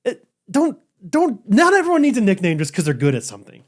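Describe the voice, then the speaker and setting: A podcast co-host with a high voice and wildly swooping pitch talks briskly, joking and laughing often while he reads an ad. The conversation is a casual chat with ad reads mixed in.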